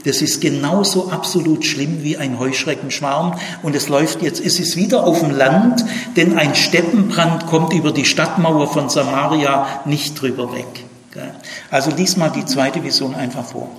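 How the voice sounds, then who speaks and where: A man teaching a Bible study, emphatic and animated, with many fillers and tag questions. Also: fairly high pitch, moderate pace, reverberant, big-room sound.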